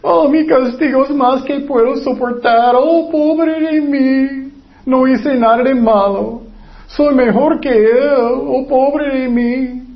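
A man's voice: extremely high pitch, voice pushed up, heavily acted. A preacher voicing Cain, a whining, self-pitying biblical man, on a dull lo-fi recording. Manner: whiny, drawn-out complaining.

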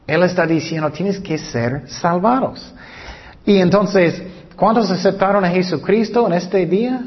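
A man preaching a sermon, reading scripture aloud and repeating key words for emphasis, with frequent hesitations. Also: a little high. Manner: hesitant, many fillers and restarts. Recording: dull sound with long hall reverb.

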